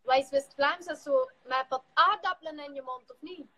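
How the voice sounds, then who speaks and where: A woman's voice: sits high, fairly quick, a bit bright, rough recording. A young woman with a Flemish accent chatting on a live stream, giggly and talkative. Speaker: pop group member hosting a live stream. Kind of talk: casual chat. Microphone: phone on a live stream.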